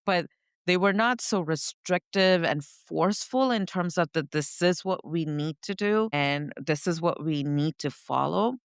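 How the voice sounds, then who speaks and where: A woman from India, a podcast co-host reflectively recounting her upbringing, often pausing to search for words. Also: fairly low pitch, clean tone, no echo, clean studio sound. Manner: reflective, searching for words, frequent "you know". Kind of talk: personal storytelling in conversation.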